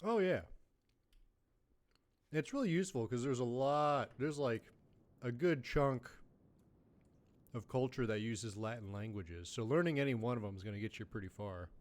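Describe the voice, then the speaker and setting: A young man chatting on a live stream with a lively, bouncing pitch that swings up and down. He jokes around and drops playful Spanish phrases into his easygoing talk. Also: moderate pace, long pauses. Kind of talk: casual live-stream chat.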